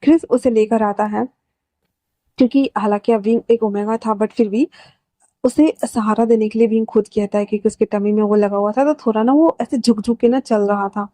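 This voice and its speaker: A woman's voice: mid-range voice, steady tone, moderate pace, mellow, no echo. Chatty woman narrating a fan story. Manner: chatty, addresses listeners directly. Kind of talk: casual fan-fiction narration.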